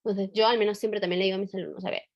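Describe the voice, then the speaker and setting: A woman's voice: mid-range voice, fairly even intonation, very fast, dull audio. A woman English teacher, giving a conversational online training talk full of fillers and tag questions.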